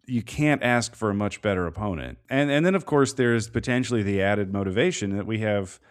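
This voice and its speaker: A man co-hosting a casual sports podcast, talking through soccer analysis in a measured way, thinking aloud with plenty of fillers. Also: lowish voice. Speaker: podcast co-host.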